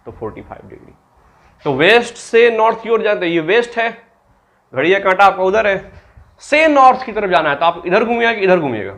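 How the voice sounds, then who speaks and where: Guy teaching math in a lecture, kinda high voice, asks the class stuff then answers it himself. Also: big pitch swings, fairly quick, a bit bright. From Bihar, India. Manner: asks students questions and answers them himself; mixes English terms into Hindi. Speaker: maths teacher.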